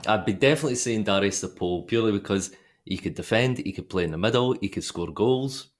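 Scottish male co-host, mid-thirties, lowish voice, easygoing teasing. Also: fast talker. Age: 30s. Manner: teasing, laid-back banter. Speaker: podcast co-host. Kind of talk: casual podcast chat.

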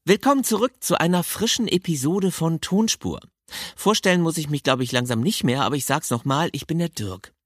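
A man hosts an audiobook-themed interview podcast from a Hamburg studio, talking informally and eagerly into a close mic. His voice is a little high, a bit bright and expressive, fairly quick, with no echo.

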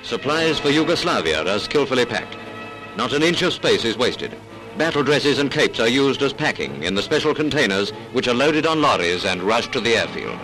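A man's voice: medium pitch, sing-song, normal speed, poor audio. A man giving a stirring, upbeat 1940s newsreel narration, played from an old newsreel soundtrack. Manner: stirring, upbeat announcer delivery. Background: music.

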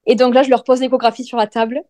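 A woman in her thirties telling her own pregnancy story in casual podcast chat, talking with many fillers and lively retelling. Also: on the high side, rapid-fire, dry recording.

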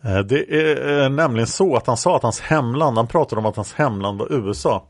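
A young woman witness recounting a café encounter, read out by a man. The reading is flat and unacted, in a gravelly low-creaking voice. The recording is dry and close. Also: no echo. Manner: flat reading of transcript lines, speaker labels read aloud.

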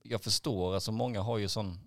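Deep gravelly man telling rambling stories. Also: steady tone, no echo, clean studio sound. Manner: rambling, hesitant fillers, frequent swearing. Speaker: podcast co-host, IT technician. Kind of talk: casual anecdote telling.

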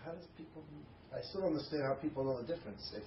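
A man's voice: a little high, expressive, rapid-fire. A man speaking as a student in an informal class, asking persistent, puzzled questions. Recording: muffled, echoey, distant, with people around.

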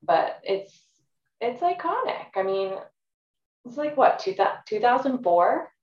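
A woman's voice: on the high side, big pitch swings, measured pace, slight background noise. A woman in her thirties chatting casually as a podcast guest. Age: 30s. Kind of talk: casual chat. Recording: roomy, distant, slightly dull microphone.

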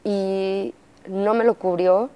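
Warm-voiced Mexican woman telling her story. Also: mid-range voice, steady tone, takes it slowly, smooth. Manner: candid storytelling, acting out quoted dialogue, frequent fillers. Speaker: interview guest. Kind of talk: personal testimony in conversation.

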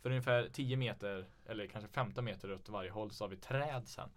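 A young man hosting a podcast in a casual chat, telling stories laid-back and swearing freely. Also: on the low side. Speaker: podcast host.

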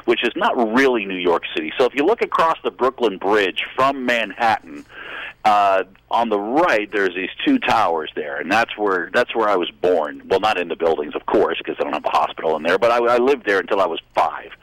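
A man's voice: fairly low pitch, expressive, a little fast, fairly bright tone, no room sound, low-quality recording. Chatty, joking older man from Boston. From Boston, USA. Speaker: guest musician. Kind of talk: casual radio interview by phone.

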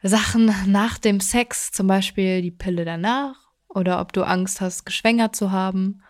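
A young woman co-hosting a podcast, chatting casually with quick, dramatic reactions. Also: medium pitch. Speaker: podcast co-host. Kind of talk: casual chat.

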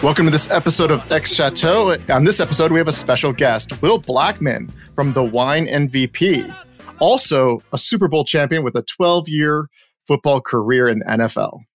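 A man's voice: fairly high pitch, moderate pace, fairly bright tone, faint music behind. A man hosting a podcast interview, asking his guest friendly, open questions. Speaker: podcast host.

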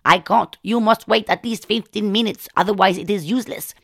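A calm male acupuncture healer, put on by a woman narrator, speaking slowly and solemnly and repeating his warnings again and again. The voice sits at an ordinary pitch, dry and close. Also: vocal fry, no echo. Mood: insistent.

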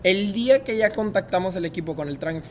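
Young Mexican man, slightly high voice, animated storyteller; faint rumble behind. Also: brisk. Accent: Mexican Spanish. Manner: lively storyteller who acts out other people's lines. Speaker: guest. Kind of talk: casual storytelling interview.

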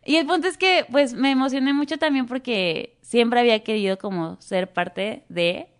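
A young Mexican woman tells stories from her acting career. She speaks in a Mexican Spanish accent with lively energy and acts out the people she quotes in full dialogue. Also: a little high, normal speed, clear, resonant tone. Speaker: guest actress. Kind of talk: casual interview storytelling.

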